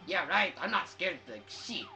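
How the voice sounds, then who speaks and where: A man giving let's play commentary, excitable, trash-talking the enemies on screen and breaking into shouts and laughs. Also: sits high, normal speed. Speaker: gamer playing through a platform game. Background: faint game music.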